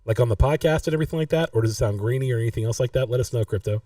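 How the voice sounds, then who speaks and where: A man's voice: medium pitch, very fast, mellow, no room sound, distant mic. A man hosting a casual live-stream podcast, rambling and restarting his sentences. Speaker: podcast host.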